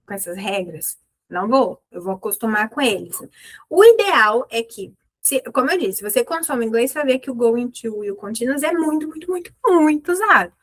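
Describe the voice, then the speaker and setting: A young adult woman teaching English in Portuguese, patiently explaining and repeating example phrases slowly. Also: on the high side, fairly bright tone. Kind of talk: online English lesson.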